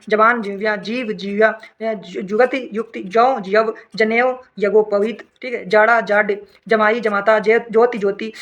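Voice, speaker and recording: A male teacher giving a rapid revision lesson, reading word pairs aloud one after another and often checking in with his students. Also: high-pitched, fairly bright tone. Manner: rattles off word lists, often says "okay, friends". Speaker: exam prep teacher.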